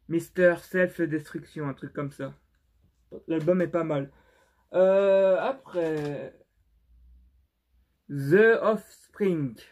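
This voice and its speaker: A young man with a non-native French accent, chatting casually in a vlog and stumbling through lots of fillers and restarts. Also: on the high side. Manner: halting and unsure, many fillers and restarts. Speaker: YouTuber showing his CD collection.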